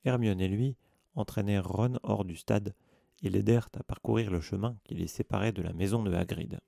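Gravelly, deep-voiced male audiobook narrator. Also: normal speed, no room sound, clean studio sound. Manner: steady storytelling read.

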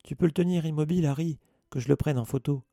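A man voicing an eager, excitable boy photographer who pesters with breathless questions. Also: mid-range voice, normal speed, vocal fry, no echo, studio quality, voice pushed up.

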